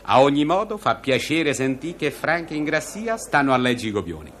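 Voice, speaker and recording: Loud joking man laughing at his own puns. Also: a little high, very animated, normal speed. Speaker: comic host. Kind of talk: comic radio sketch.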